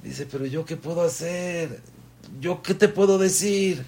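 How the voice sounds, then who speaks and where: A man, a rabbi giving a lesson, retelling stories and acting out the quotes. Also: on the high side. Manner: slow, animated retelling with voiced quotes. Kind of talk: Torah lesson storytelling.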